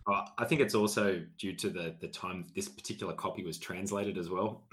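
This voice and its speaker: A man's voice: low-pitched, lively intonation, moderate pace, crowd noise. A man in a casual book discussion, offering ideas tentatively with frequent restarts.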